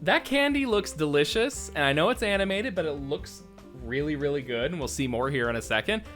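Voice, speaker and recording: A man's voice: a little high, lively intonation, a little fast, over music. A man in his thirties giving casual, enthusiastic, nostalgic commentary as a cartoon reviewer.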